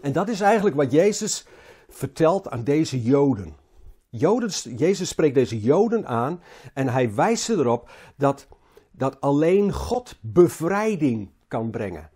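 A man preaching a Bible sermon. His voice is husky and mellow, with pitch slightly high for a man. He halts and repeats words, pushing some phrases hard and letting others sink low. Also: very animated. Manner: halting, repeats words, rises and falls in emphasis.

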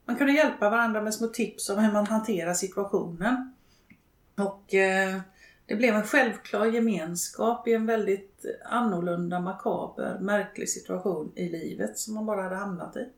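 Older woman, creaky voice, halting, lots of ehs, echoey room. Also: mid-range voice. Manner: hesitant, halting, many pauses and fillers. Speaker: interviewee, widow and network co-founder. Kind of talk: reflective interview talk.

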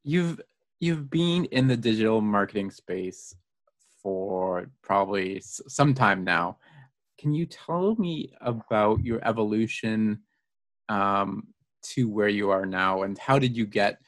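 Slow-talking male interview host. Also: fairly low pitch, no echo. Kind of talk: casual interview talk.

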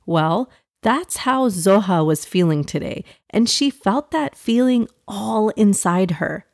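A woman tells stories to children as if by the fireside. Her mid-pitched voice is expressive and addresses young listeners directly. The recording is close and dry. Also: takes it slowly, vocal fry, dry recording. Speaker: host and narrator of a children's story podcast.

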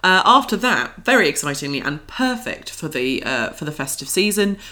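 In relaxed, unscripted podcast chat, a woman co-hosting the show talks eagerly and casually. Her low voice has a sing-song lilt and a pushed, bright quality, at a normal speed.

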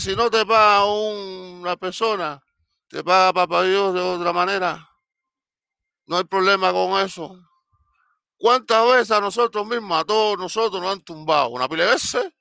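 Man, radio host telling a moral tale, bright tense tone, dry close sound. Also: sits high, gravelly, clean tone, no echo. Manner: animated, acts out the characters' voices. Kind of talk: folk tale storytelling with a moral.

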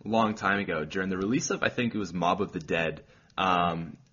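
A young Canadian man hosting a casual podcast chat in a relaxed, laid-back way. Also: sits low, normal speed, husky, muffled recording. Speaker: podcast host.

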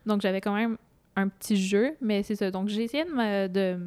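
Smooth-voiced Québécois woman telling stories. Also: medium pitch, normal speed. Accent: Québécois French. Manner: lively, quotes her own thoughts aloud. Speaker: guest. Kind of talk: casual conversational storytelling.

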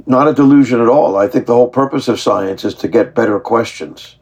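A man's voice: medium pitch, fairly quick, vocal fry, darkish tone, breathy edge. A man speaking as a guest scientist in casual interview conversation over a video call, gracious and upbeat.

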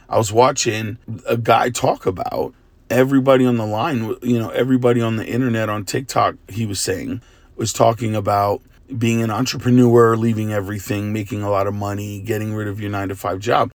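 Tired-voiced male preacher, fairly low. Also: fairly even intonation, a little fast, no echo. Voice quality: tired, worn voice from much preaching. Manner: conversational, earnest, often asking "right?" and "you know". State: exhausted-sounding, tired voice. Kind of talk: casual devotional talk.

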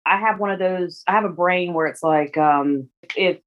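A woman's voice: lowish voice, moderate pace, highs cut off. A woman in her forties, a guest in a casual interview, talking in a rambling way with many restarts and fillers. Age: 40s.

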